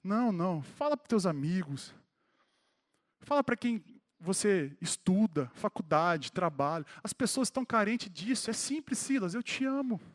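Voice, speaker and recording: A man's voice: sits high, big pitch swings, moderate pace. A man in his thirties with a Brazilian Portuguese accent, preaching a sermon at a church service and speaking directly to members of the congregation by name. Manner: grows more fervent and emphatic toward the close.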